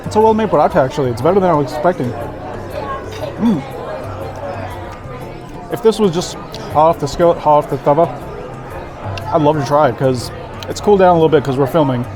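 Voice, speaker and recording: A man's voice: a little high, a little fast, pauses often. A man giving a casual food review to camera, savoring what he eats with delighted approval. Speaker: food vlogger. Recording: background music and crowd chatter.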